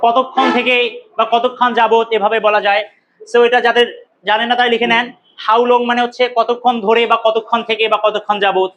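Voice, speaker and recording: A male teacher, a native Bengali speaker, giving an English lesson. He asks the class questions, answers them himself, and repeats words slowly to drill pronunciation. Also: extremely high pitch, level tone, a bit bright, lo-fi sound. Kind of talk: recorded classroom lecture.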